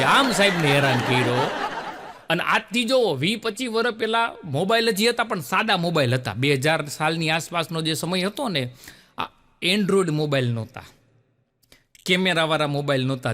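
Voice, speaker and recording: A middle-aged male comedian tells folk-style jokes in a high, bright, forceful voice. He jumps into the voices of his characters, then drops back into easy storytelling. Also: normal speed, long reverb tail. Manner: lively storyteller, acts out characters with pitch jumps. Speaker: stand-up comedian telling jokes. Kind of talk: Gujarati folk-style joke telling.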